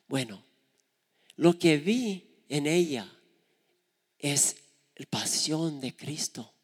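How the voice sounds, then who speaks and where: A man's voice: on the high side, animated, extremely slow, husky, long reverb tail. A man preaching a sermon, telling stories earnestly and acting out the voices of the people he quotes. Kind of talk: sermon with storytelling.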